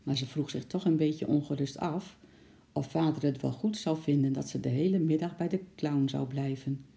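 A reader narrating a children's storybook aloud in a calm, even way. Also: mid-range voice, moderate pace, vocal fry.

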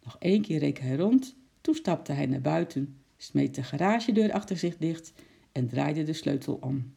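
A storyteller reading a children's story aloud in a calm narrating voice. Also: medium pitch, moderate pace, gravelly, husky.

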